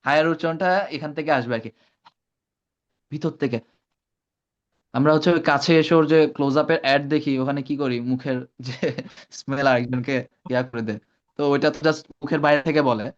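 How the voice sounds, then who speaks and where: A man's voice: on the high side, steady tone, dull audio. Man teaching Arabic sounds online. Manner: drills sounds slowly, corrects students by name. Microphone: video call.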